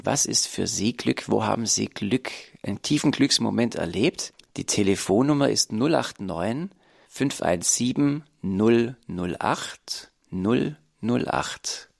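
A man hosting a radio talk show who speaks in a calm, measured way and invites listeners to call in. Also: lowish voice, creaky, dry recording, clean studio sound. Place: radio studio.

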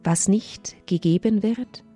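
A woman voicing a wise, glowing sun crystal in a storybook reading, speaking softly and solemnly. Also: medium pitch, slow pace, husky, faint music behind.

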